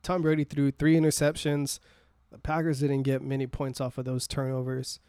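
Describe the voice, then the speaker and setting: A man's voice: mid-range voice, monotone, normal speed, mellow, smooth, dry recording, clean studio sound. A man co-hosting a podcast, chatting casually about sports, blunt and teasing, swearing freely. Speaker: podcast co-host.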